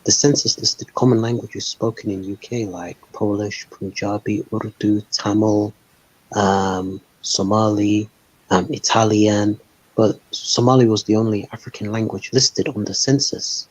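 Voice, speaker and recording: A man's voice: fairly low pitch, level tone, a little slow, slightly rough. A man hosting a casual online panel, rambling with lots of "like" and "um". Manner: rambling, heavy use of "like" and "um". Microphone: voice call over a live stream. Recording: dull lo-fi stream call audio.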